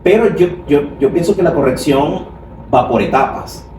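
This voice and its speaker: A man's voice: fairly high pitch, animated, normal speed, dark tone. A man hosting a conversation, asking questions in a hesitant way and often repeating words. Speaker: host. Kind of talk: conversational interview. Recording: echoey room, far from mic, noisy.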